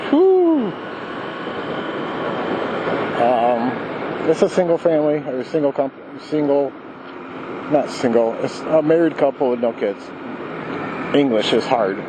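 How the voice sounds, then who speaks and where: A man talks casually and loosely to viewers from inside a motorcycle helmet while riding, rambling and correcting himself as he goes. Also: medium pitch. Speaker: motorcycle vlogger. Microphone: wired mic in helmet to voice recorder. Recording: inside a helmet, loud wind and engine noise.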